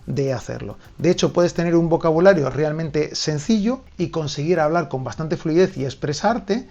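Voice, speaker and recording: A man's voice: on the high side, animated, moderate pace, darkish tone, muffled recording. A man giving a video lesson on learning languages, explaining directly to the viewer and checking in often. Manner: direct, addresses the viewer with frequent "¿vale?". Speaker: language teacher.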